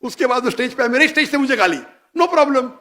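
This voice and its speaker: A man's voice: very high-pitched, animated, quick pace, pushed and bright. A man giving a public religious talk, emphatic and challenging, firing off rhetorical questions and dropping in English phrases. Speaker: Islamic preacher.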